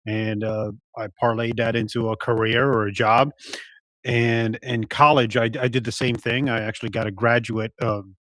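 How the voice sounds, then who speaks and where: A man in his forties, born in Poland and a native Polish speaker, thinking back in a measured, hesitant way as a podcast guest. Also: medium pitch, flat delivery, fairly bright tone. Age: 40s. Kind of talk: casual interview.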